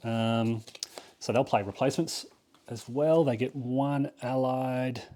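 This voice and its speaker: Playing a board game solo, a man of average pitch reasons out loud, counting spaces and considering each move in a slow, steady, dark-toned voice. His talk is casual and loose, peppered with ums and little self-corrections.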